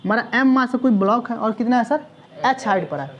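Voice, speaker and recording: A man's voice: extremely high pitch, brisk, muffled recording, a little hiss or hum. A male physics coaching teacher lecturing a class in a chatty, teasing manner, constantly checking whether students follow. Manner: teasing, chatty, peppers speech with "sir" and check questions.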